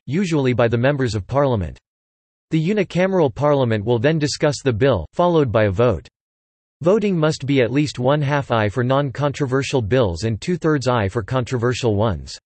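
A synthetic male voice reading an encyclopedia article in a steady, even manner. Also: medium pitch, a little fast, no echo. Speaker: text-to-speech reader.

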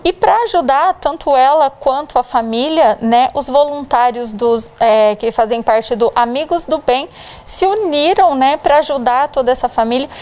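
A woman's voice: sits high, normal speed. A young adult woman with a Brazilian Portuguese accent, a TV reporter doing a field report and interview at an indoor bazaar on a handheld mic. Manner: steady, leading questions with frequent "né". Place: indoor charity clothing bazaar.

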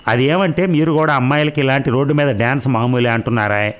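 A man's voice: mid-range voice, quick pace, clean tone, lightly acted. A man voicing an indignant, stubborn middle-aged mother in a read-aloud novel, firing off scolding questions.

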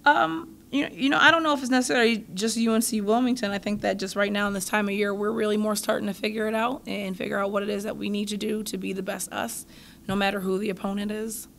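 A woman in her thirties, a basketball coach, answers post-game questions thoughtfully at a table mic in front of her, in a press room before a logo backdrop. Her medium-pitched voice is steady, gravelly, and fairly bright, and she speaks at a quick pace, often repeating words as she starts a phrase. There's slight background noise.

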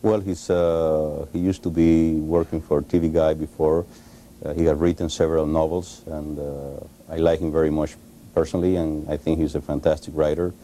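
A man in his forties with a Cuban Spanish accent speaks in a very deep, monotone, dark voice in a TV studio interview. He hesitates often, pausing and restarting his sentences. Faint background hiss sits under his lapel mic. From Cuba. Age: 40s. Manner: halting, frequent uh pauses and restarts. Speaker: interview guest, author.

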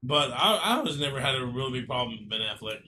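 A man co-hosting a casual gaming podcast, chatting with friends in an animated, joking way and often restarting his sentences. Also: medium pitch, a little fast. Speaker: podcast co-host. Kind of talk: casual chat.

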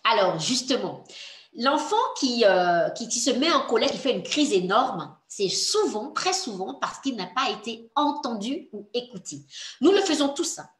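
A woman's voice: a little high, sing-song, normal speed, reverberant. A woman coaching mothers in a workshop, speaking earnestly and encouragingly, addressing the listener directly. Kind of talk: workshop talk.

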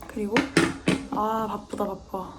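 A woman's voice: medium pitch, level tone, slow, heavy background noise. A young woman doing her makeup on camera, chatting nonstop and talking to herself, sometimes dropping to a near-whisper while she concentrates. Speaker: beauty vlogger. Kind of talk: chatty get-ready-with-me makeup vlog.

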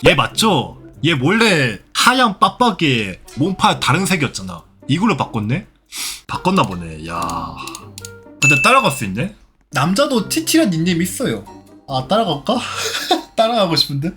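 A man's voice: a little high, sing-song, normal speed, sharp tone, soft background music. A young man streaming a game, scolding and mocking a rude player with sarcasm and the odd swear word. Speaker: Roblox streamer. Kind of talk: live gameplay commentary.

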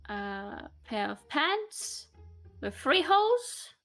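A woman voicing Ivy, a naive, curious camper in a fan roleplay, asking innocent questions in a slow, halting way. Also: high voice, very animated, fairly bright tone, faint music behind, full character voice. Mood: dreamy.

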